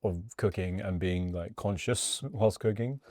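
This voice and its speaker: A Welsh man with a deep, darkish voice hosts a casual interview over a meal, serving food as he asks questions. He speaks at a measured pace in an informal, conversational way, in a dry, studio-quality recording.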